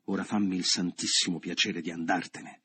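A man reading an audiobook, voicing a brutal middle-aged man who barely holds back his fury and talks loudly and scornfully. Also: low-pitched, steady tone, moderate pace, breathy edge, full character voice. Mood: furious. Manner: forceful, loud, scornful. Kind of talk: audiobook character voice.

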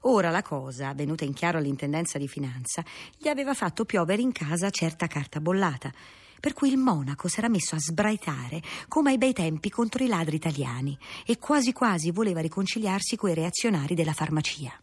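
A woman narrating a classic novel in a measured, steady reading voice, husky in tone. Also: low-pitched.

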